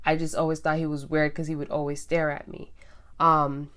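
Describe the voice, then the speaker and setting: A woman's voice: low-pitched, flat delivery, moderate pace, a bit bright, smooth. A young woman vlogger casually telling her personal story, candid and chatty with lots of ums and likes. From Guyana and Trinidad heritage.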